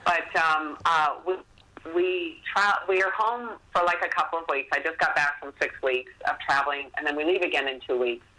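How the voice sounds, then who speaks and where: On a rough recording, a middle-aged author guesting on a podcast speaks in a deep voice at a moderate pace. She tells her stories casually, poking fun at herself and acting out past conversations with animation.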